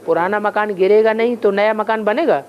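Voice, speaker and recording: Male spiritual teacher, quizzes his listeners and answers himself, muffled low-fi recording. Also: fairly quick. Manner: asks rhetorical questions and answers them himself. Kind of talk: spiritual class, question and answer. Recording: dull lo-fi recording with faint noise.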